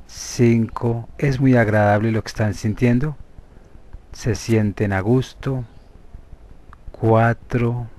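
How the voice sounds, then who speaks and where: A man from Colombia, a hypnotherapist, leading a guided hypnosis meditation with slow, soothing instructions and long pauses. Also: mid-range voice, a little mellow.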